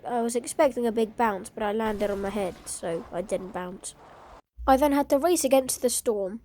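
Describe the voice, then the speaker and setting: A gaming video creator with a high, darkish voice narrates her gameplay clips. Her throat sounds sore and congested, and her commentary is dry and self-deprecating.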